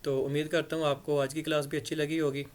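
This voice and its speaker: A man teaching English idioms in a casual spoken lesson, explaining in Hindi-Urdu and reading the English phrases slowly, with frequent fillers and repeats. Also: fairly high pitch, flat delivery. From Punjab. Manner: hesitant, many fillers and repeats.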